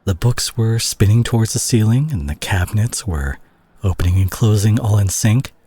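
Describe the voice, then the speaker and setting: In an intimate roleplay spoken to the listener, a man plays a tired, worried superhero keeping watch by a teammate's hospital bed. His low, husky voice is hushed, halting and sighing, gentle and reassuring before turning exasperated. No room sound can be heard.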